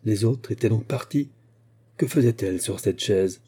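A male audiobook narrator reads in a steady, measured way. His voice is very dark and mellow, with a husky edge, and sits fairly low. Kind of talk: scripted narration.

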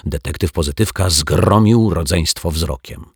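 A man narrating a children's storybook in an expressive, lively reading style. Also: low voice, a little slow, gravelly, breathy edge, no room sound, clean studio sound. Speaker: audiobook narrator.

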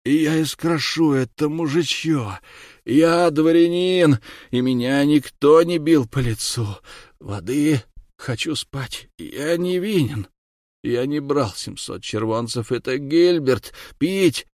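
A furious accused nobleman, voiced by a male reader, loud and pitched up. He shouts his defiance in a storybook reading with a dry close sound. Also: measured pace, dry recording, natural voice.

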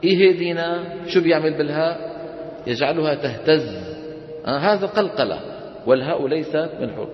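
A man teaching a classroom tajweed lesson, quizzing the class and chanting verses slowly. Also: on the high side, expressive. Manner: asks the class questions and answers them, chants verses slowly. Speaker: Quran recitation teacher. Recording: roomy lecture hall, dull lo-fi sound.

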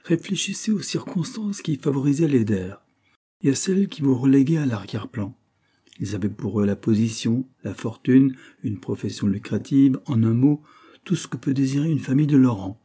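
A man voicing an older, pious, warm-hearted male manufacturer who speaks fervently and moralizes. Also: medium pitch, normal speed, husky, voice pushed up, lightly acted.

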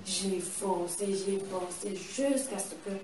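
Animated woman telling a story, roomy and distant. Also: mid-range voice, slow pace. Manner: animated, repeats and restarts phrases, acts out her reactions. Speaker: guest sharing a testimony. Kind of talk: conversational storytelling. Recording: roomy, distant mic, steady background noise.

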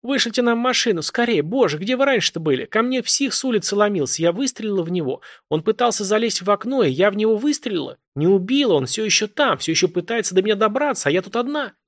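A man voicing a terrified woman on the phone to the police, shrill and sobbing, pleading frantically. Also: lively intonation, brisk, hardly any pauses, no room sound, clean studio sound. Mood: frantic. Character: panicked woman caller alone at home.

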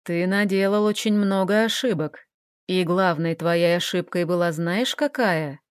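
Lady doing a low slow creepy guy, calm and mocking, dry audiobook sound. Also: clear, resonant tone, no room sound, close to an everyday voice. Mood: menacing calm. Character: menacing calm middle-aged man, mocking kidnapper.

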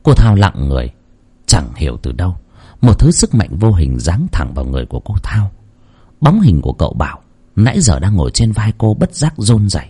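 A man narrating a horror story with dramatic, expressive delivery. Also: low-pitched, a little fast, breathy edge.

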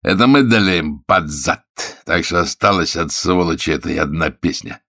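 A man voicing a drunk, brutish army commander who talks rough and threatening. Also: low-pitched, normal speed, a bit bright. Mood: aggressive.

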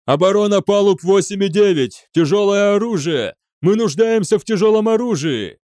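Man doing a desperate general screaming at his troops, loud and high. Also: lively intonation, moderate pace, no room sound, studio quality. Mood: bellowing. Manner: bellowing commands. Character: desperate male general rallying soldiers.

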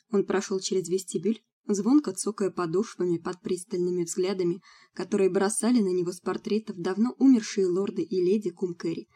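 A woman narrating a first-person audiobook in a steady, storytelling manner. Her voice is warm and mellow rather than bright. Her pitch is moderate. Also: breathy edge.

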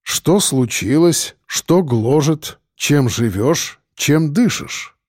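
A man doing a calm, fatherly priest. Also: fairly high pitch, slightly rough, no echo, clean studio sound, full character voice. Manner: slow, gentle, instructive. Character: middle-aged priest, calm, patient, fatherly.

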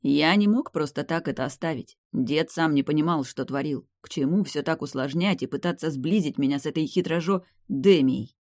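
A man's voice: a little high, normal speed, hardly any pauses, a little mellow, no room sound, clean studio sound. Man narrating a dramatic novel. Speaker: audiobook narrator. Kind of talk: scripted first-person narration.

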